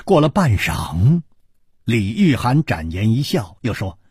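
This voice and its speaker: A man narrating a martial-arts novel in a measured, expressive storyteller manner. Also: medium pitch, husky, no room sound, studio quality.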